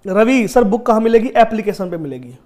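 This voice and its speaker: Man, young adult, high-pitched, sore throat; chatty live-class math teacher who talks right to students. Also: animated, fairly quick, a little mellow. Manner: chatty, addresses students directly, digresses into stories. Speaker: online exam-prep teacher.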